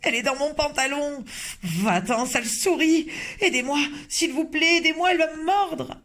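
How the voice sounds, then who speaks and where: Male reader playing a hysterical cook in a storybook, high and loud. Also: fast. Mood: panicked. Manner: shrieking, frantic yelling. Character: panicking male cook, shrill and frantic.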